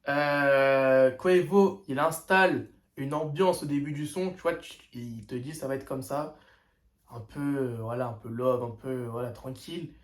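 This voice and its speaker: A man's voice: mid-range voice, unhurried. A young man hosting a casual first-listen music reaction, talking in loose slang with lots of hesitations and filler. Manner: slangy, hesitant, full of "tu vois" and "euh". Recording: echoey room.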